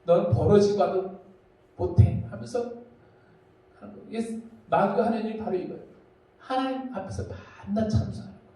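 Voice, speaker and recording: A man's voice: sits high, fast talker, pauses often. A man preaching a children's sermon, telling stories and acting out the voices he quotes. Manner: lively storytelling, acts out quoted voices. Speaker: children's pastor. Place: church hall. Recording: echoey church hall, mic from far off.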